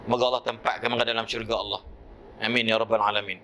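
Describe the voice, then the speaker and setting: A male preacher with a Malaysian Malay accent delivering a mosque sermon through lively storytelling and acted-out voices. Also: lowish voice, quick pace, slight background noise.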